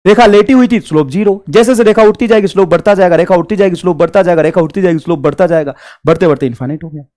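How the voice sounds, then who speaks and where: A man's voice: sits high, rapid-fire, dark tone. A man teaching a math lesson, repeating each point over and over and calling his students children. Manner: repetitive, drills points over and over; addresses students fondly as children. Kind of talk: classroom lesson.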